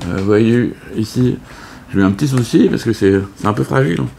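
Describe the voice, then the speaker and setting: A man's voice: mid-range voice, lively intonation, a little fast, gravelly, darkish tone, a little hiss or hum. A man casually explaining a board game setup, hesitant with many fillers and restarts. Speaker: board game video host. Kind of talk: casual unscripted game tutorial.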